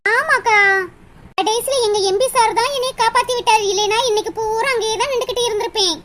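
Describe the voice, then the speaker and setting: A woman's voice: very high-pitched, fast. A woman playing a polite young office worker. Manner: polite, deferential. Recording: noisy recording with steady hiss.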